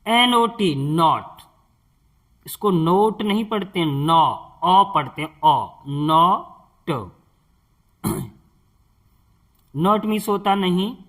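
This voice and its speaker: A man's voice: high-pitched, expressive, takes it slowly, pauses often, a bit bright. A man teaching beginners, spelling out words letter by letter and patiently asking the listener questions. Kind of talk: spoken English lesson for beginners.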